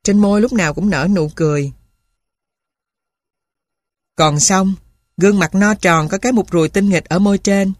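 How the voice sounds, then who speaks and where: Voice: mid-range voice, moderate pace, pauses often, no echo, clean studio sound. A narrator reading a sad wartime story aloud in a somber, emotional way. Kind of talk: dramatic audiobook narration.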